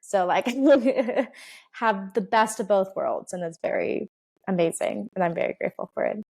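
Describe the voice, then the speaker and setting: A woman in her twenties from Oregon in the United States chats bubbly as a guest in a casual interview, laughing often and using lots of fillers. She has a mid-range, darkish voice with vocal fry and speaks at a measured pace.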